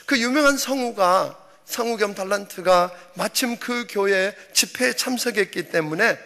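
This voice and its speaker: High-voiced pastor preaching in a reverberant hall. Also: male voice, fairly bright tone. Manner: measured storytelling delivery. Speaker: senior pastor. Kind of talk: sermon. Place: church sanctuary. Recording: long reverb of a church hall.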